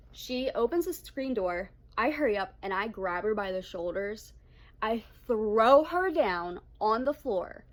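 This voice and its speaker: Slow-talking, foul-mouthed young woman vlogger. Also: mid-range voice. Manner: blunt, heavy swearing, animated. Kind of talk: story time vlog.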